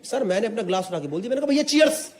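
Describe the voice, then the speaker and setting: A man, telling an animated stand-up story with crowd work in mixed Hindi and English, acting out voices. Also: high voice, very fast, a little hiss or hum. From India. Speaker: stand-up comedian. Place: comedy club stage before a live audience. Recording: roomy hall with loud crowd. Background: audience laughter.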